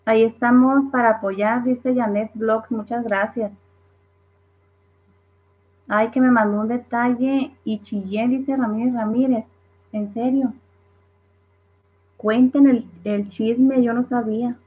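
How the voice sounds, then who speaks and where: Speaking slowly with long pauses, a livestream host with a high-leaning voice and fairly even intonation reads out viewer comments and laughs along. It's a casual stream, heard through tinny, phone-style audio.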